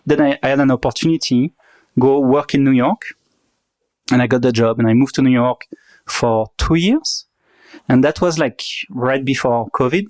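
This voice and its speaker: A man in his thirties from Paris with a French accent, a guest chatting casually in a relaxed, hesitant way. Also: medium pitch, normal speed, no echo. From Paris, France. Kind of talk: casual chat.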